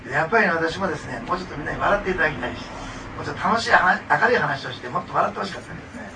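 A man's voice: on the high side, lively intonation, rapid-fire. A man preaching a sermon, talking to the congregation in a conversational way, laughing often and asking them questions. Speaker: pastor. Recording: distant mic with clear background noise.

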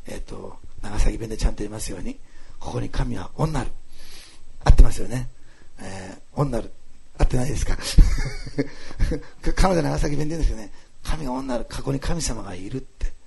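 A man preaching a sermon, telling a congregation story with lively asides. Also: mid-range voice, gravelly, slightly rough. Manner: animated storytelling with frequent laughs and asides. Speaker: pastor. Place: church hall, streamed online.

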